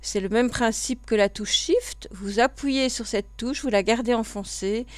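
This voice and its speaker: A woman's voice: on the high side, unhurried, no echo. Patient Belgian French woman teaching. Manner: patient step-by-step explaining, with frequent fillers. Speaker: computer class instructor. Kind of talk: screen-recorded tutorial.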